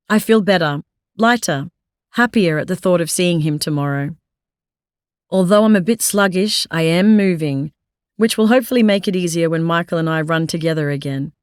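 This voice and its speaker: A woman reads a first-person story in a confiding, storytelling manner, her voice sitting on the lower side. The sound is close and dry, studio-made, with no room echo. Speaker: audiobook narrator. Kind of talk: first-person scripted narration.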